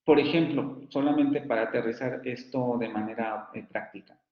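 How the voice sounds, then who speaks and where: A man's voice: mid-range voice, moderate pace. A man teaching a university phonetics class in a recorded online lecture, explaining at length and modeling sample words aloud. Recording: roomy, dull lo-fi sound.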